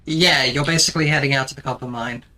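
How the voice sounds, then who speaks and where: A streamer with a bright, forceful voice, talking casually through a live game. The delivery is dry and teasing, explaining steps to a co-player with plenty of ums. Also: mid-range voice, steady tone, fast. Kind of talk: casual live-stream chat while playing.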